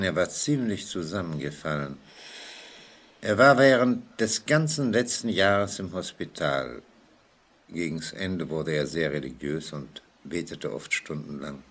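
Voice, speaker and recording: A male actor in a vintage German radio play voices a composed, authoritative prison inspector, formal, deliberate and patiently firm, in a grave mood. His voice sits low with a bit of brightness, and the delivery is exaggerated.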